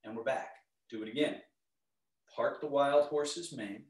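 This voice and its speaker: A middle-aged man teaching tai chi, giving calm, serene, step-by-step movement cues in a measured way. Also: medium pitch. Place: indoor home living area. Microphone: camera across the room. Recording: echoey room, distant microphone.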